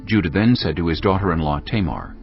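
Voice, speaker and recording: A man's voice: low voice, a little fast. A man reading scripted scripture narration for a dramatized audio Bible. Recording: dull lo-fi audio under music. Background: prominent background music.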